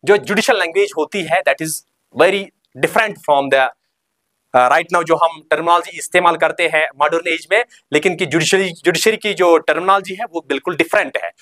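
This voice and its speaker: A male coaching teacher delivers a recorded lecture in a steady, drilling manner. He reads key terms out slowly and repeats them, then fires short questions at the class and answers them himself. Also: a little high. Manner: keeps telling students to remember.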